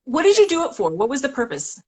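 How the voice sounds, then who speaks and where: Lively, talkative woman host. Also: sits high, quick pace. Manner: talkative, lively, swears casually. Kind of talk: casual live-stream chat.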